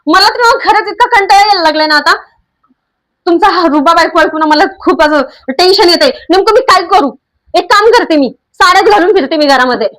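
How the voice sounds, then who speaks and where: Casting: actress for a touchy young wife, high-pitched, rapid and sharp-tongued. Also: female voice. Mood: annoyed. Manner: quick, scolding retorts. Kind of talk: amateur drama acting.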